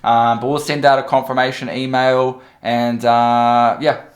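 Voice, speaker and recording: Casual Kiwi male vlogger, informal salesman delivery, mid-pitched, roomy sound. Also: little pitch movement, a little slow. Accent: New Zealand. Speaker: vlogger and car detailing business owner. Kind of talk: casual vlog talk and sales calls.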